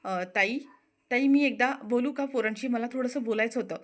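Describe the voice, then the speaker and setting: A woman's voice: fairly high pitch, moderate pace, natural voice. A woman voicing a remorseful young woman who pleads earnestly. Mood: pleading.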